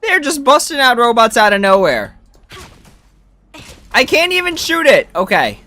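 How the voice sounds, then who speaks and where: A game streamer chats casually and thinks aloud while playing, giving livestream gameplay commentary over video game music. The voice is medium-pitched, very animated and sharp in tone, at a measured pace, with no room sound.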